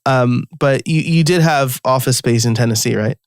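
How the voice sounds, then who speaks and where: A man's voice: medium pitch, normal speed, dry recording, studio quality. A man from New York hosting a podcast, chatting casually with many fillers and easy laughter. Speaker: podcast host. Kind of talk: casual interview chat.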